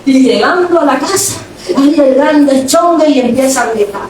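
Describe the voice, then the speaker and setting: A woman preaching a lively sermon in a church hall, playful and dramatic, acting out everyday scenes and calling her listeners brother. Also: high-pitched, moderate pace, slight background noise. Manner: addresses the congregation directly as brother. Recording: echoey hall from far off.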